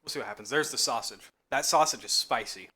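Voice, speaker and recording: A man streams from his home kitchen, talking fast and eagerly between bites, sometimes with his mouth full. His voice is bright and forward. It is relaxed, chatty live-stream talk. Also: medium pitch. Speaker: streamer hosting a cooking stream. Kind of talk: casual chat while eating on a live stream.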